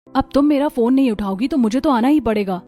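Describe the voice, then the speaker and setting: A woman voicing a bold, sharp-tongued young woman in a cartoon story, answering back defiantly. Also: a little high, brisk, lightly acted.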